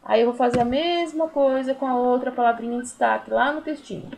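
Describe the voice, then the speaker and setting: A woman's voice: high voice, a little fast, creaky, noisy background. A woman teacher with a Brazilian Portuguese accent, patiently explaining a lesson to young pupils, counting syllables aloud and using many diminutives. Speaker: primary school teacher. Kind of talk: recorded remote class lesson.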